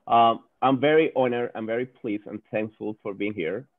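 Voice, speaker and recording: On a video call, a Venezuelan company executive appears as a guest speaker, talking informally in Spanish-accented English. His voice sits in the mid range and moves at a moderate pace, earnest and often repeating words while he searches for them. The audio is dry and phone-like, with no echo.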